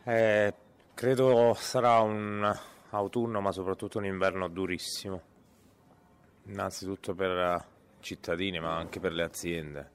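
A man giving measured, somewhat hesitant answers as a passer-by in a casual street interview. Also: deep voice, little pitch movement, smooth. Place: outdoors on a street. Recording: faint outdoor street ambience.

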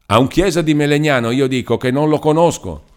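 Man doing an irritable shouting clerk. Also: mid-range voice, normal speed, voice pushed up, natural voice. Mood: angry. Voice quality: shouting, agitated. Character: irritable middle-aged male clerk, quick to anger.

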